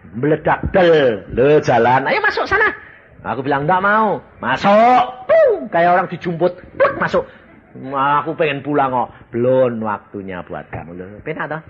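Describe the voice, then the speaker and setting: A man preaching a testimony sermon, telling his story dramatically with sudden loud exclamations. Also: medium pitch, very animated, normal speed, breathy edge. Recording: slightly dull recording with faint ambience.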